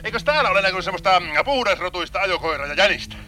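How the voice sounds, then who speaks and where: A man's voice: sits high, lively intonation, sharp tone, a little hiss or hum, full character voice. An actor playing a talkative hunter who asks around about a lost hare and his hound. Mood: puzzled, chatty. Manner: chatty, inquisitive. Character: eager, talkative male hunter.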